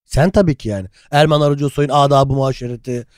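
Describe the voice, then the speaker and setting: A man co-hosting a podcast, riffing jokes in quick casual banter. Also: medium pitch, fairly even intonation, a little mellow, clear, resonant tone, no room sound, clean studio sound. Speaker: podcast co-host. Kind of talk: casual comedic chat.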